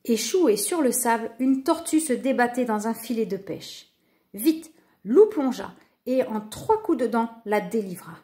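Woman reading a kids story out loud, lively, bit high. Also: measured pace. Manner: lively, expressive. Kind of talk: children's story narration.

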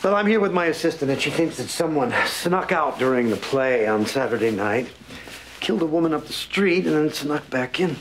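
A man's voice: a little high, expressive, normal speed, noisy background. An actor playing a polite, slightly awkward middle-aged male investigator in a TV comedy-drama, speaking earnestly. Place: indoor washroom set.

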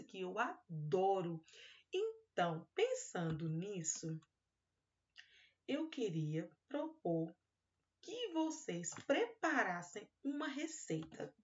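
A woman with a Brazilian accent, a kindergarten teacher giving a recorded class for young children. She stretches syllables slowly and talks fondly to the kids. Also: medium pitch, darkish tone, highs cut off. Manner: drawn-out syllables and fond little-word talk to children.

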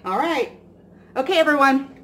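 With a high, expressive voice that sounds pushed and bright, a Midwestern woman in her forties moves at a moderate pace through a casual step-by-step recipe explanation while cooking at home. A camera mic on the counter records her.

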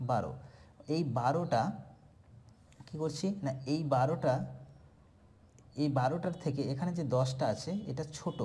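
A man teaching a maths shortcut, counting through sums aloud in steady lists and answering his own questions. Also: medium pitch. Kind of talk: step-by-step maths lesson.

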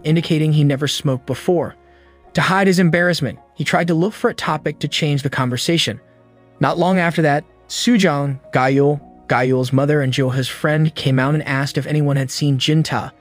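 A man tells a film's story as a scripted voice-over, in an even storytelling delivery. His voice sits a little high for a man. Soft background music plays faintly under his words. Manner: steady storytelling recap delivery. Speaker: movie recap narrator. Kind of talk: scripted narration.

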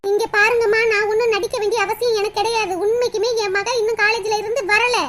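A haughty rich village mother from a cartoon comedy, her voice pitched up very high and squeaky. She scolds in a rapid, shrill rush. A faint hiss of noise sits behind her. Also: flat delivery. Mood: indignant.

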